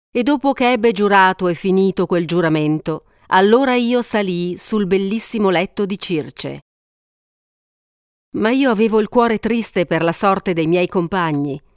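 A woman narrating an epic poem aloud in a measured, steady storytelling voice. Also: mid-range voice, clean tone, dry recording, studio quality.

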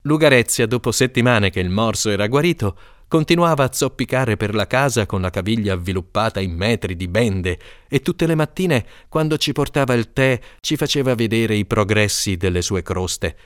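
A man narrating an audiobook in an expressive, lively storytelling manner. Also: lowish voice, normal speed, few pauses, smooth, no echo, clean studio sound.

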